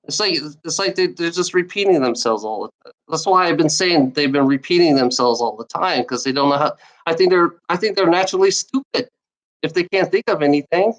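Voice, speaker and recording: On a low-quality recording, a deep-voiced woman streamer who stutters talks fairly quickly as she rants at trolls in her chat. The rant rambles and repeats, with frequent restarts and plenty of swearing.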